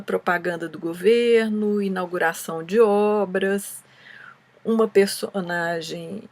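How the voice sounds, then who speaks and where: A woman with a Brazilian Portuguese accent giving a scripted explanation as a presenter, reading in a measured way with occasional small stumbles. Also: medium pitch, darkish tone. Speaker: presenter answering a film student's questions.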